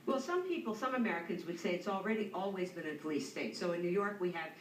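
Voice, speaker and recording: A woman who is a guest on a TV panel, making a measured, explanatory argument, heard as it plays from a TV speaker and is recorded again. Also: fairly low pitch, animated. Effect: played from a TV speaker and re-recorded. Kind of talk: panel discussion. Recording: echoey distant TV-speaker audio, faint noise.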